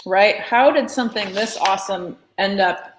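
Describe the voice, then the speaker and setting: A woman's voice: medium pitch, normal speed, a little hiss or hum, low-quality recording. A woman hosting a live art lesson, talking casually and rambling with filler words. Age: adult. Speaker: art class host. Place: art studio room.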